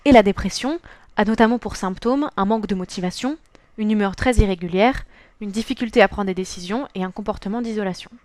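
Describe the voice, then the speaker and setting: A woman's voice: medium pitch, fairly quick, a little mellow, dry recording. A teenage girl from France narrating a scripted school presentation, reading a prepared text carefully and evenly. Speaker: student presenter.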